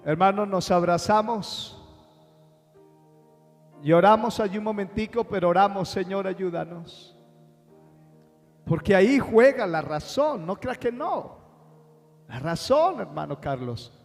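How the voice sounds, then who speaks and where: A man with a Colombian accent, preaching a sermon with impassioned swings between slow, quiet lines and loud bursts. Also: sits high, expressive. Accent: Colombian Spanish. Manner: impassioned preaching, dramatic slowdowns, sudden rises in volume. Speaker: pastor. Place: large church sanctuary. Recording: long hall reverb with faint music.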